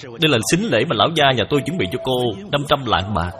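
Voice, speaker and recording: A man voicing an earnest, courteous young gentleman suitor with a courtly manner. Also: medium pitch, sing-song, quick pace.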